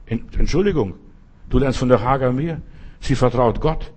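A man's voice: medium pitch, normal speed, darkish tone, slightly rough. A man preaching a sermon, addressing listeners directly with emphasis and repeated phrases.

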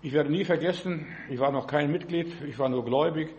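A man giving a sermon in a folksy, halting way, often asking "verstehst du" and restarting words. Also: fairly high pitch, darkish tone, highs cut off, slight background noise. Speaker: preacher.

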